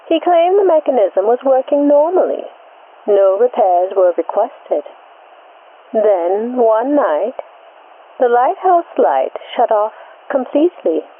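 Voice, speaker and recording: Through static and a tinny, band-limited old-time radio sound, a female host narrates a scripted 1940s-style mystery. Her voice is a little high and sing-song, delivering short, suspenseful phrases in a measured, deliberate way.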